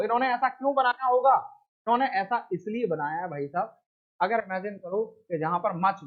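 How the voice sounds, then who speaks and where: A male English grammar teacher lecturing in Hindi, constantly asking his students questions and then answering them himself. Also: high-pitched. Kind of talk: classroom lecture. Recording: dull lo-fi recording.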